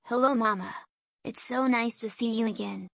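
A woman's voice: a little high, fairly even intonation, normal speed, gravelly, a bit bright, no echo, soft background music. A woman voicing cheeky livestream fans, reading their donation messages aloud. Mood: fond, teasing.

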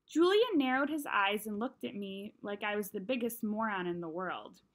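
Sitting in a small room at home, a woman in her thirties reads from a children's novel into a computer mic. She speaks at a normal speed in a mid-range voice, reading with expression and bringing real animation to the characters' dialogue.

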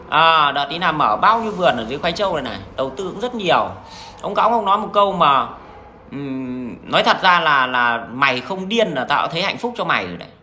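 A man's voice: on the high side, pushed and bright, slight background noise. Blunt man with a Northern Vietnamese accent. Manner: blunt, crude and frank, with many restarts. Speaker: vlogger addressing viewers. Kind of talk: casual rambling monologue.

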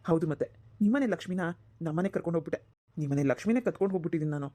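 A kind young husband in a cartoon, acted by a woman, earnest and respectful toward his mother-in-law. He talks very fast in a low, mellow voice. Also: animated. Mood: reassuring. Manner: earnest, reassuring.

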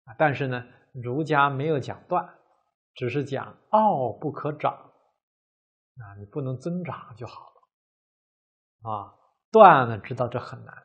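A man giving a measured Buddhist dharma lecture, drawing out his phrases and filling pauses with many drawn "ah" sounds. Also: medium pitch, expressive, a bit bright, husky, muffled recording.

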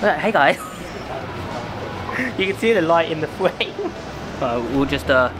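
Young male vlogger, fairly high voice. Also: animated, unhurried. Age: young adult. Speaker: vlog host. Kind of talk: casual vlog chat. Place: outdoors on busy city streets at night. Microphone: camera at arm's length. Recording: music and crowd noise outdoors. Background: music and crowd chatter.

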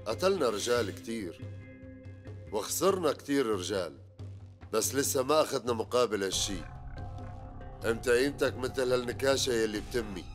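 An actor playing a ruthless, mocking gang leader with a Syrian Arabic accent, barking orders in a TV drama. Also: male voice, mid-range voice, animated, a little fast, long pauses, faint music behind, natural voice. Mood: cold. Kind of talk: television drama acting.

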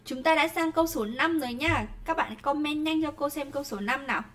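A woman with a Vietnamese accent teaches English online in a high, fairly bright voice. She says English words slowly and deliberately, speeds up when explaining, and keeps checking in with her students.

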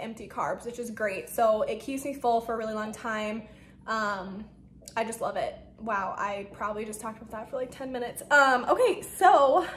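A woman's voice: on the high side, fairly bright tone. Chatty young woman vlogger, echoey room. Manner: chatty, rambling, lots of "like" and "um". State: a bit out of breath. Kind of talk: casual talk-through of meal prep. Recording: echoey room with faint noise.

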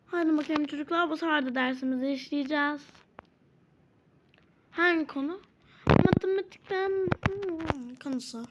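A woman's voice: high voice, normal speed, long pauses, background noise. A woman casually role-playing a doll game, switching between characters and exclaiming often. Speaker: channel host playing all characters.

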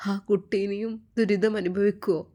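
A woman voicing a gentle young man who speaks haltingly and sounds choked with grief. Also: mid-range voice, steady tone, close to an everyday voice.

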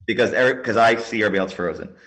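Low-voiced male player in a tabletop game, walking through his moves with lots of fillers. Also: racing, fairly bright tone. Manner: describes actions step by step, with fillers.

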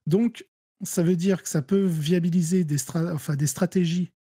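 A French-accented man talking through strategy for a tabletop wargame in a relaxed, mellow voice. He explains things step by step, trailing off into fillers and restarting his sentences. The sound is dry and close. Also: high-pitched, normal speed, husky, dry recording. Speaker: guest player. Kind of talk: casual gaming discussion.

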